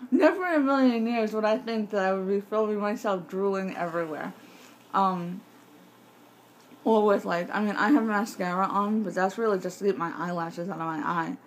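Filmed on a phone held at arm's length in her kitchen at home, a woman aged 20s to 30s rambles haltingly to camera about recovering from jaw surgery. Her mid-range speech is slightly impeded by a wired-in bite splint, and faint background noise comes through the handheld recording.

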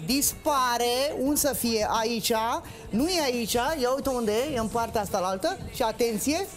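Loud joking magician man in studio. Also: very high voice, soft background music. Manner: loud, bossy, joking banter. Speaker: magician guest. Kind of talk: comic magic act on live TV. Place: bright morning TV studio with music.

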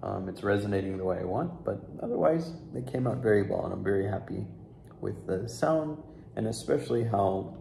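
Young man, casual relaxed chat, gravelly voice, lively pitch, echoey room. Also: moderate pace. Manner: relaxed, with fillers and a laugh. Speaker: flute restorer. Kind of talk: casual talk to camera. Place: sunroom with large windows, indoors. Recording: echoey room with faint background noise.

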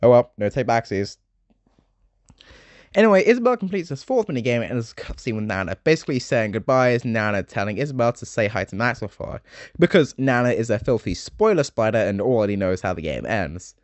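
A young man in his late teens narrating a game summary video essay, chatty and full of joking asides with dark humor. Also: medium pitch, very animated, a little fast, no echo.

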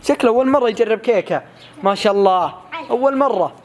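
A man giving rapid, playful, teasing commentary as he films his family. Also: high voice, expressive. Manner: rapid, playful, teasing narration with many calls and repeats. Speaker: family vlogger filming his child. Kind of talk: excited running commentary on a family video.

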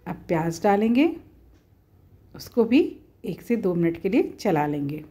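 A woman's voice: on the low side, lively intonation, measured pace, mellow, breathy edge. A woman at home, talking viewers through a cooking recipe step by step in a plain, homely, instructive way. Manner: homely, instructive, often says "dekhiye".

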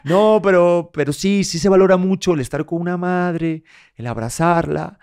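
A man hosting a podcast and chatting casually, an emotional, jokey and animated storyteller. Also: sits high, moderate pace, vocal fry, clear, resonant tone. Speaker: podcast host. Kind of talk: casual chat.

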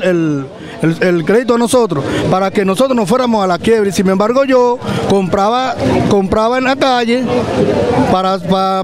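A man in his thirties with a Venezuelan accent, urgently complaining in a street interview into a handheld mic in a city plaza. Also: sits high. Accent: Venezuelan Spanish. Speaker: cooperative member. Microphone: handheld reporter mic.

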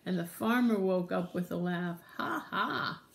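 A woman teacher reading a picture book aloud to young children, animated, with gasps and whispered asides, and speaking to the children directly to encourage them. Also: on the low side, normal speed, creaky, slight background noise.

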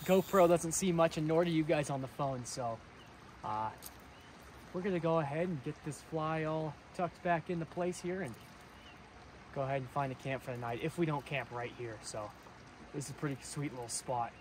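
A young man hosting a casual fishing and camping vlog, talking excitedly to viewers from a riverbank and a truck camper, recorded on an action camera. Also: on the high side, moderate pace, slight background noise. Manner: excitable, chatty, addresses viewers as guys. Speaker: fishing vlogger. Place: riverbank outdoors, then inside a truck camper.

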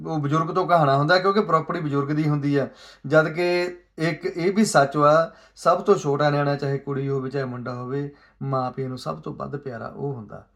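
A man giving an earnest, pleading social commentary monologue, asking rhetorical questions and moving between soft asides and raised emphasis. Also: on the high side, steady tone, brisk.

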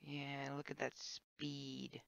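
A woman streaming a sandbox game, thinking aloud in a low-key, wry way with trailing filler words. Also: monotone, takes it slowly, gravelly. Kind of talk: casual gameplay commentary. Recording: dull lo-fi dry mic.

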